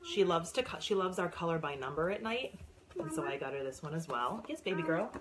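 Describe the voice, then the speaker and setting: Gushing excitable woman with a lively voice. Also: lowish voice, a little fast, heavy background noise. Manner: gushing, excitable, squeals and gasps. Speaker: book seller and former science teacher. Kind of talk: casual unboxing vlog.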